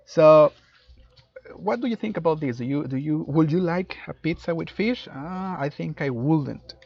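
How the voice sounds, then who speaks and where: A man's voice: a little high, lively intonation, slow, creaky. Guy teaching english, casual explainer, kinda dull lo-fi audio. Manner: explanatory, casual, switching between two languages. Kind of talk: recorded lesson explaining grammar.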